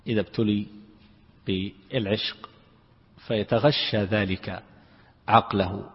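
A man teaching a lesson on Quran commentary, explaining word meanings and repeating key terms. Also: lowish voice. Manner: explanatory, repeats key words, asks listeners if clear. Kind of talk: classroom lecture on word meanings. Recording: lo-fi recording with long hall reverb.

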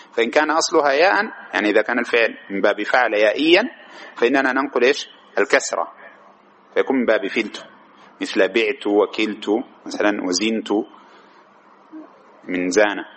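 A man teaching a grammar lesson. He keeps posing quick rhetorical questions to his students and then answering them himself. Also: medium pitch, fairly bright tone, a little hiss or hum.

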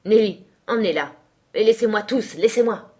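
A woman's voice: on the low side, normal speed, a little mellow, natural voice. A woman reading an audiobook, voicing a domineering middle-aged man who barks harsh threats and commands. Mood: menacing.

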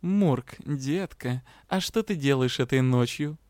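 A man's voice: mid-range voice, takes it slowly, darkish tone, dry recording, studio quality, close to an everyday voice. A man voicing a flirtatious male dragon spirit in a cat's body, drawling and purring. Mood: flirty.

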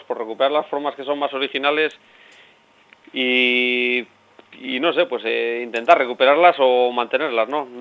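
Fast-talking man explaining on local radio. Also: medium pitch. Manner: explanatory, rambling with restarts. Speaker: radio guest. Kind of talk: radio interview. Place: radio studio. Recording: dull lo-fi radio audio.

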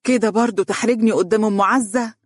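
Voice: mid-range voice, expressive, racing, a little mellow, slightly rough, no echo, clean studio sound. A narrator voicing a fussy, middle-aged mother who scolds her son, with an Egyptian accent. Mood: reproachful. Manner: reproachful, emotional.

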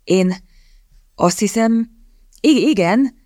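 A woman doing a flustered young gentleman. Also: lowish voice, lively intonation, dry recording, clean studio sound, natural voice. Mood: eager. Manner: stammering, eager.

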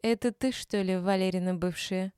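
A woman voicing a brash, rude young woman of about twenty-five in a storybook reading, higher and louder than her narration, indignant and shrill. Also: steady tone, moderate pace, smooth, dry recording, clean studio sound, close to an everyday voice.

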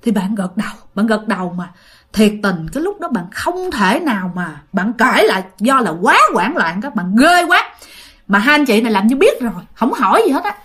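A woman spins a ghost story in a chatty, conversational style, repeating phrases and calling out to her listeners. Her voice is high and very lively, leaping up and down in pitch. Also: moderate pace. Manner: animated, repetitive, addresses listeners directly.

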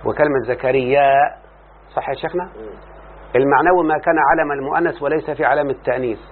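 With a fairly high pitch and a quick pace, a man teaching Arabic morphology in an Egyptian accent works through a grammar text, explaining it and then quizzing his student again and again. The audio is tinny and lo-fi, with a faint hiss.

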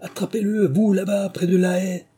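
Give me a man playing a bossy storybook rabbit, high-pitched and yelling. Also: level tone, moderate pace, slightly rough. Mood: commanding. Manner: loud, commanding.

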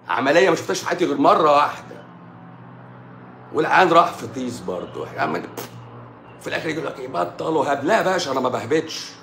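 The echoey recording captures a middle-aged Egyptian-accented doctor on a live stream. In a fairly high, bright-toned voice he rants aggressively, throwing out one rhetorical question after another.

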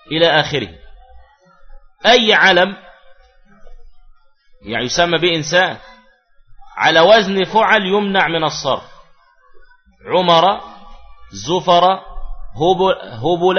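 A man teaching Arabic grammar in a classroom lesson, explaining step by step and answering his own questions. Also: a little high. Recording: dull lo-fi recording with faint music.

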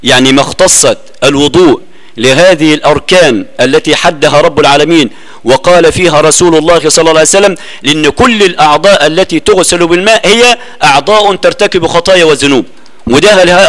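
Egyptian sheikh teaching a lesson. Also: male voice, a little high, fairly bright tone. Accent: Egyptian Arabic. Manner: explains with rhetorical questions. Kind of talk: religious lesson.

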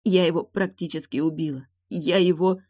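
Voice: mid-range voice, steady tone, moderate pace, a little mellow, no echo, clean studio sound, lightly acted. A reader voicing a grieving young wife who pleads through tears in an audiobook. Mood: tearful. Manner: tearful, pleading. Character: woman, grief-stricken, guilty young wife.

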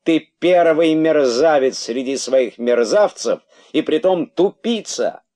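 A man voicing a cheeky, defiant rabbit who shouts from inside a boa's belly in a storybook reading, with a shrill, triumphant yell. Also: lively intonation, slow.

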